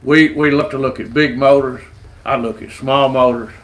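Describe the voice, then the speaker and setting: A man's voice: medium pitch, steady tone, moderate pace, rough recording. A man, a street rodder giving an earnest, folksy evangelistic testimony and often repeating words as he goes. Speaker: street rodder sharing his faith.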